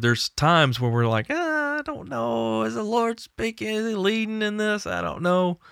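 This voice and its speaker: A man's voice: medium pitch, a bit bright, dry recording, studio quality. A man who hosts a faith podcast and was once a pastor, speaking in an earnest, conversational monologue with small restarts. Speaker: podcast host and former pastor.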